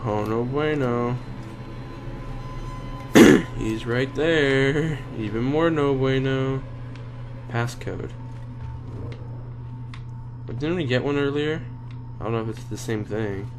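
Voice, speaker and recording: Scared, slow-paced man streaming horror games. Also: medium pitch, noisy background. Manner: scared, sweary gamer muttering and exclaiming. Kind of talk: horror let's play commentary, reacting live while playing.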